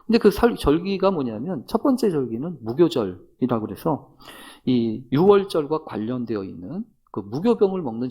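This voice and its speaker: A man preaching a thanksgiving sermon as pastor, in a conversational way with rhetorical questions and soft murmured asides. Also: mid-range voice, slightly rough.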